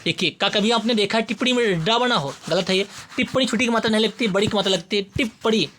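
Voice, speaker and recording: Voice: medium pitch, fast talker, fairly bright tone, a little hiss or hum. A teacher giving an exam-prep spelling lesson who addresses students directly and repeats each word several times while explaining.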